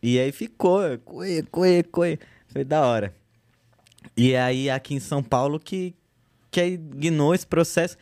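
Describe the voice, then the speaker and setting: A man in his thirties, a guest artist in a relaxed podcast chat, telling his story with slang and lively quoted speech. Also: mid-range voice, unhurried, dry recording, studio quality. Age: 30s.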